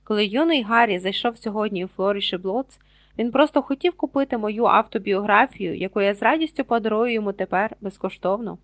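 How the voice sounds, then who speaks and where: A woman's voice: mid-range voice, brisk, dry recording, close to an everyday voice. Woman doing a vain showman wizard. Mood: pompous. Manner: showy, loud announcing. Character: boastful vain male celebrity wizard.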